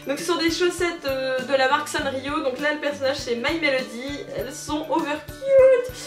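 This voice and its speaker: A woman's voice: high-pitched, steady tone, brisk. A young woman hosting a casual unboxing video at home, gushing and joking about herself, with many fillers. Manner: bubbly, gushing, self-mocking, with many fillers. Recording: roomy, distant, with music behind.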